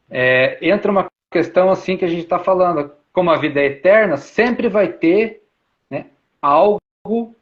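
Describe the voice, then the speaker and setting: A man with a fairly high voice gives an informal spiritual talk, explaining his ideas patiently and circling back to repeat them. He keeps checking in with little tag questions. The recording is dull and lo-fi. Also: a bit bright. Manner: repetitive, explanatory, uses many tag questions. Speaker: spiritual speaker. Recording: dull lo-fi sound.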